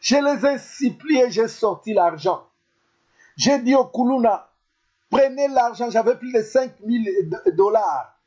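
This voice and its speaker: Preaching in a very high, warm voice with a breathy edge, this pastor speaks unhurriedly but with lively intonation. His sermon is emphatic and full of repetition as he keeps addressing the congregation as "beloved." The audio is dull and lo-fi.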